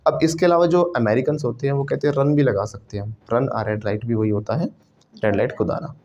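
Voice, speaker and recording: A man's voice: medium pitch, a little fast, a little mellow, dull audio. A man teaching spoken English in a classroom, drilling phrases and asking students to repeat them. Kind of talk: spoken English lesson in Hindi.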